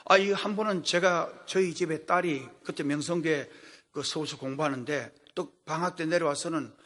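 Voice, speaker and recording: A man's voice: fairly high pitch, moderate pace, fairly bright tone. A middle-aged man, a pastor, preaching a sermon with folksy storytelling to a congregation in a large worship hall. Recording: long hall reverb.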